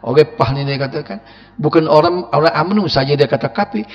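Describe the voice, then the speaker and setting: Lively Kelantanese Malay preacher in a reverberant hall. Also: male voice, fairly high pitch, a little fast. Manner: lively, laughing, acts out quoted voices, questions the audience. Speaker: religious lecturer. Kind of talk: mosque evening lecture explaining Quran verses. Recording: muffled recording with long reverb.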